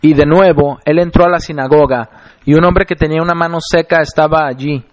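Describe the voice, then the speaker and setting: A man preaching a sermon, reading scripture aloud and explaining it in a deliberate manner, slowing down to stress key phrases. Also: fairly high pitch, steady tone.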